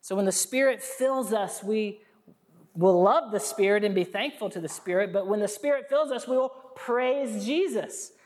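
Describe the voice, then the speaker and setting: A woman's voice: mid-range voice, moderate pace. Woman preaching a sermon in a church, earnest storyteller, long echo of a big hall. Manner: earnest, warm storytelling with congregation call-and-response.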